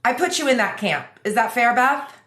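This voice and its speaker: A woman's voice: a little high, lively intonation, normal speed, fairly bright tone. A woman hosting a podcast, chatty and upbeat, rambling a little with restarts as she talks. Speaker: podcast host. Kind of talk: casual podcast chat. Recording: roomy echo.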